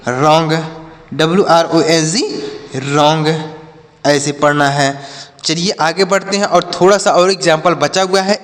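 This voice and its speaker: A man with a slightly high voice teaches an English reading lesson, with a long reverb tail in the audio. He spells each word out letter by letter, repeats it, and asks questions that he then answers himself.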